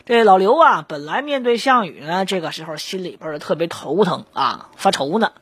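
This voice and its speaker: A woman telling a history story in a lively, joking, conversational way. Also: on the low side, moderate pace, music in the background.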